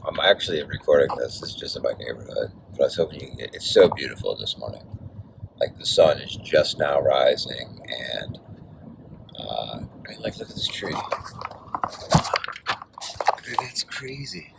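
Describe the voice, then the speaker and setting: Very deep gravelly tired man rambling. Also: lively intonation, normal speed, background noise. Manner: rambling, laid-back, self-deprecating. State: tired and sore. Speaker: vlogger and amateur cyclocross racer. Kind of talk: casual video diary. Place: outdoors.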